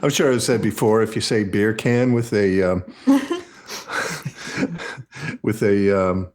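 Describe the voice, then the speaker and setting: A man's voice: lowish voice, takes it slowly, darkish tone. A man chatting casually on a game stream, rambling and joking. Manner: rambling, jokey, laughs often.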